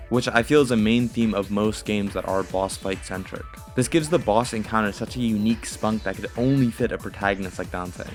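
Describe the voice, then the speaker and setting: A man giving scripted video game commentary as an essayist, in a casual, profane manner. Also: fairly low pitch. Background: music.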